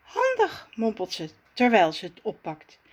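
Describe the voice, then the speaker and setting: A woman reading a children's storybook aloud with slow, expressive delivery. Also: mid-range voice.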